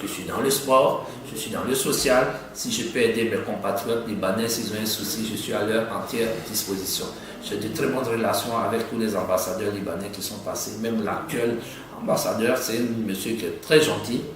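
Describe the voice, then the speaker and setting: A man from Abidjan, Côte d'Ivoire, of Lebanese descent, speaks at a normal speed in a lowish voice. He is a doctor and city councillor answering interview questions conversationally, repeating phrases for emphasis. The recording is echoey, with a distant mic and faint noise.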